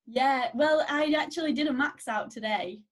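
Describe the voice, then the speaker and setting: A woman's voice: high-pitched, normal speed. Young english woman on a podcast, giggly and chill. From England. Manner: giggly, relaxed and modest. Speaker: guest weightlifter. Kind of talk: casual podcast chat.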